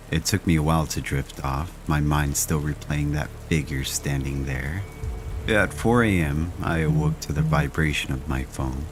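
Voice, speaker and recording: A man narrating first-person horror stories in a slow, measured, hushed way. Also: rumbling low, slight background noise.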